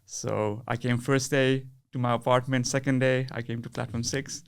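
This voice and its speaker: A man's voice: medium pitch, little pitch movement, moderate pace, vocal fry, clear, resonant tone. A young man from Nepal, a podcast guest, speaking in a casual, hesitant interview manner with frequent restarts. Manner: hesitant, many restarts and fillers.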